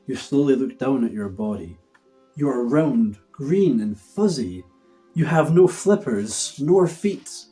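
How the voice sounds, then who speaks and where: A man's voice: medium pitch, lively intonation, slow, mellow, faint music behind, low-quality recording. A man giving a hammy, theatrical stage-actor reading of a children's story, drawing words out for drama.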